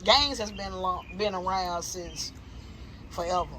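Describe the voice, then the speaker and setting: Unhurried and fairly low-pitched, this Southern US interview host in her thirties leads a relaxed chat. Her talk is lively and full of slang, and she makes her strong opinions clear, all over a faint background hiss.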